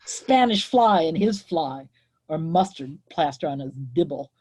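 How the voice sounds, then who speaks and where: A woman reading aloud as a lewd, leering old male grandfather ghost, with a husky voice. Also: low voice, animated, a little slow, darkish tone, dry recording, exaggerated voice.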